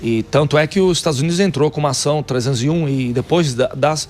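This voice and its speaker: This São Paulo native talks quickly in a fairly high, darkish-toned voice. As a guest on a radio talk show, the Texas city council member lays out facts explanatorily, peppering his speech with fillers.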